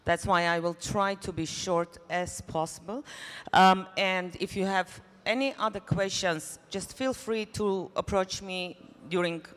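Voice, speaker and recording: A woman's voice: mid-range voice, measured pace, fairly bright tone. A woman from Armenia presenting at a conference in English, friendly and speaking directly to the audience. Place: conference hall. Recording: reverberant hall.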